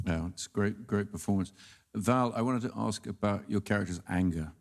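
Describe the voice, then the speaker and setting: A man's voice: fairly low pitch, moderate pace. A man moderating a panel, putting a considered question in hesitant, thoughtful phrases.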